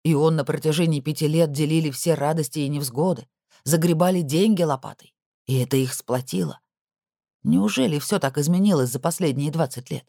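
A man reading a novel aloud with steady, even scripted narration. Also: a little high, a little fast, creaky, no room sound, clean studio sound. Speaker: audiobook narrator.

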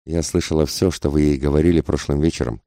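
Man voicing a desperate, passionate society woman in an audiobook, intense pleading, very deep dark voice. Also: steady tone, quick pace, dry recording, clean studio sound. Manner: intense, whispering-angry pleading.

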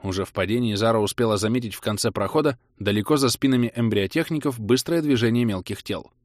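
A male narrator reads a science fiction audiobook in a steady, measured way. His voice sits on the low side. The sound is dry and close. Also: dry recording.

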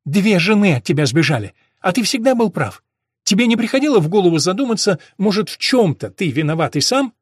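A man voicing a defiant, angry wife in a marital quarrel, indignant and pleading, his voice rising into shouts. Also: sits high, sing-song, a little fast, breathy edge, dry recording, studio quality, pitched above the performer's own voice, full character voice. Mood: shouting.

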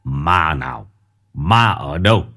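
A man voicing an old male master exorcist who speaks slowly and gravely. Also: expressive, sharp tone, heavily acted. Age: older. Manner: slow, low, grave.

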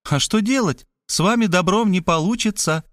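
A man reading an audiobook, voicing a fussy, insistent middle-aged woman who talks fast and pushes her point. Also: sits high, fairly bright tone, no room sound, clean studio sound, pitched above the performer's own voice. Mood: blunt. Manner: rapid, pushy, matter-of-fact.

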